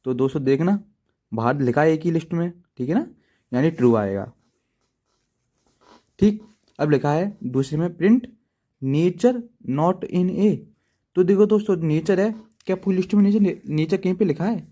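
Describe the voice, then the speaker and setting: A coding teacher at home, writing in a notebook, walks through programming step by step in a loose, chatty tutorial style, often pausing to check in with viewers and tossing in self-deprecating asides. His voice is slightly high yet dark and mellow, at a moderate pace with long pauses. He keeps saying "ठीक है दोस्तों."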